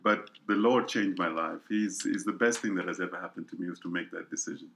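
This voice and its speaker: Middle-aged man, guest sharing his testimony; low-pitched, earnest, circles back over words. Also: a little fast, a bit bright. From Kenya. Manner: earnest, repeats words as he thinks. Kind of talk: personal testimony in interview.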